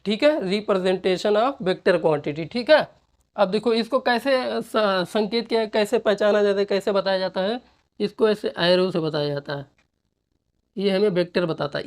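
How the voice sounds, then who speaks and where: A woman teaching a physics class, explaining slowly, repeating points and often checking that students follow. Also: medium pitch. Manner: repetitive, checks understanding with "ठीक है". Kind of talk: classroom lecture with board work.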